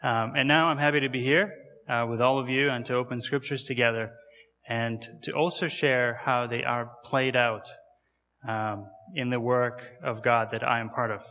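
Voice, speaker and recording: A man's voice: medium pitch, fairly even intonation, normal speed, bright, forceful tone, long reverb tail. A man in his thirties from Kazakhstan, with an accent from there, giving a conversational guest sermon in a church and asking the audience questions. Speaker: guest missionary speaker.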